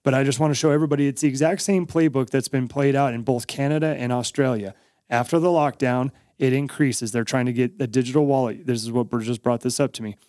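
A man's voice: mid-range voice, fairly even intonation, quick pace, darkish tone, no echo, studio quality. An American man co-hosting a podcast, giving his opinions in a casual, emphatic way and repeating his points. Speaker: podcast host.

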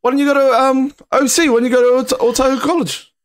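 A man's voice: very high voice, steady tone, fast. A man with a New Zealand accent interviewing in a casual, slangy, jokey chat full of bro and G.

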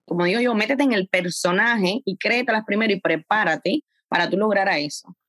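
A woman guest on a podcast, telling her story in a lively, conversational way. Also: mid-range voice, a little fast, no room sound. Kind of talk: casual conversation.

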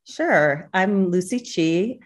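On a podcast, a Boston obstetrician-gynecologist answers interview questions thoughtfully, using frequent fillers. Her voice is on the low side and animated, and she speaks slowly.

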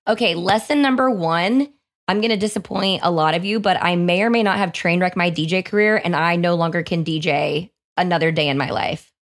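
A young woman with a hoarse, somewhat low voice talks through her podcast in a loose, chatty way. She is upbeat and fills her sentences with "like". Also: a little fast. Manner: chatty, upbeat, says "like" often. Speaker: podcast host. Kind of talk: casual podcast monologue.

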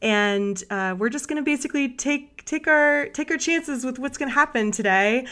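Bright, higher-voiced woman host, enthusiastic and gushing, casual podcast chat. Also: moderate pace.

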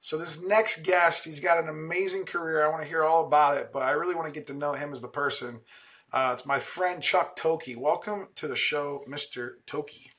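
Excited podcast host guy, bright forceful voice, chatty with lots of likes and ums. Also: a little high, a little fast. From Ohio, USA. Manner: enthusiastic, chatty, many fillers. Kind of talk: casual interview chat.

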